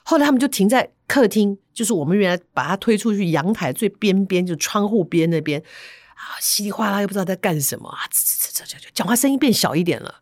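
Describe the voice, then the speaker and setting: Animated woman telling a story. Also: mid-range voice, fast, no echo, studio quality. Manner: animated, acts out sounds and voices. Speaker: podcast host. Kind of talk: lively storytelling chat.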